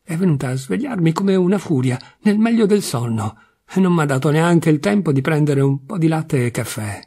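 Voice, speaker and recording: A man reading a story aloud, voicing a weary, ironic husband who teases and half-mocks; his voice is husky. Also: fairly high pitch, expressive, normal speed, warm tone. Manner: sardonic, teasing, half-mocking. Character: sly, weary middle-aged husband, ironic. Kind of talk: literary audiobook reading.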